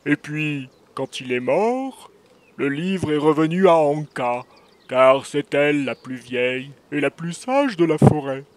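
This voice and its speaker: A man voicing a big, casual, evasive male moose with a deep, drawling voice in a children's audio story. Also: measured pace, natural voice. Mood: easygoing.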